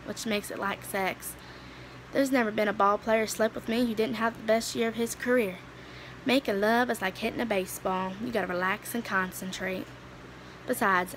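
A woman's voice: medium pitch, fairly bright tone. Young woman performing a dramatic monologue, noisy room. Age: young adult. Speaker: amateur actor performing a film monologue. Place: small indoor room, red wall. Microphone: phone at arm's length. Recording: noisy room ambience, phone recording.

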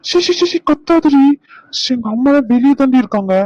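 A man's voice: high-pitched, animated, fairly quick, a little mellow, dry recording, dull audio. A man voicing a teasing, bossy young husband in a cartoon, scolding in banter. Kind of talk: cartoon voice acting.

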